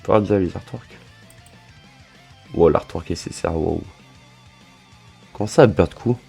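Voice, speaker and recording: A young man commentating a gaming reaction video, swinging from low muttering to excited yelling. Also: unhurried, gravelly, slightly rough, soft background music. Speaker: gaming content creator reacting.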